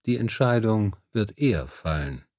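A patient, thoughtful male leader, as a male audiobook narrator plays him, weighing every word in a slow, firm delivery. His voice sits a touch lower than most men's. The recording is dry and close, with no room sound. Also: expressive, a little mellow, dry recording. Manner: measured, deliberate.

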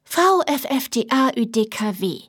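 A woman voicing a brisk, prim middle-aged nanny who speaks with crisp, overly clear enunciation. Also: fairly high pitch, very animated. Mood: matter-of-fact.

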